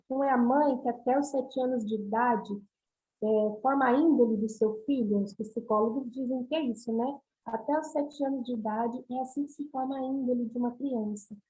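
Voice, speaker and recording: A middle-aged woman with a Brazilian Portuguese accent preaches with earnest emphasis, asking her listeners question after question. Her voice sits high, with a dark, mellow tone. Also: rough recording. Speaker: missionary speaker. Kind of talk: preaching talk on a livestream.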